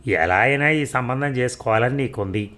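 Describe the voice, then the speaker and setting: A man's voice: medium pitch, moderate pace, sharp tone, natural voice. A man voicing a stern, short-tempered old family man who keeps demanding answers in a storybook reading. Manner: nagging, demanding questions.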